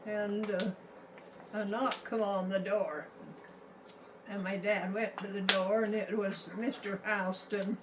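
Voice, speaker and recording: A woman in her nineties with a rural Utah American accent tells a childhood story as a grandmother, casually, in a folksy, halting, plain-spoken way. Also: mid-range voice, level tone, lo-fi sound. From Utah, United States. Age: 90s. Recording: distant mic with faint background noise.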